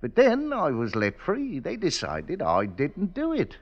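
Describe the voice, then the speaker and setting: An actor playing a rough, fatalistic male prisoner awaiting hanging in an old radio drama. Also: on the high side, huge pitch swings, unhurried, full character voice. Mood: brooding. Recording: dull old radio recording.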